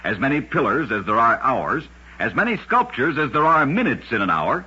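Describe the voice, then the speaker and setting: On an old, muffled radio recording, a man hosts a vintage program and narrates short scripted stories in a husky, gritty voice with dramatic storyteller flair. His pitch sits in the middle, his delivery is very animated at a moderate pace, and his tone sounds pushed and bright.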